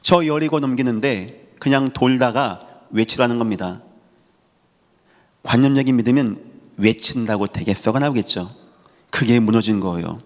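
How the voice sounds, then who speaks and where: A man's voice: mid-range voice, normal speed. Emphatic preaching man in a reverberant sanctuary. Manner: emphatic preaching with repeated phrases and voiced quotes. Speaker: pastor. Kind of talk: sermon. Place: church sanctuary. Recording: long reverb of a church sanctuary.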